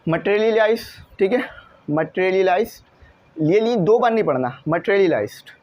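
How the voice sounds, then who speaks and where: A man teaching an English lesson, patiently repeating each word slowly so students get the pronunciation right. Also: high voice, expressive, darkish tone, muffled recording. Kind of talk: classroom lesson walkthrough.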